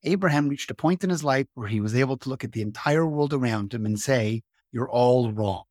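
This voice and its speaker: A man in a middle register talks through ideas as a podcast host, earnest and steady, like a lecture to listeners. The sound is close and dry, with no room around it. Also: mid-range voice, a little fast, no echo. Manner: earnest, explanatory, steady delivery. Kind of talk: lecture-style podcast talk.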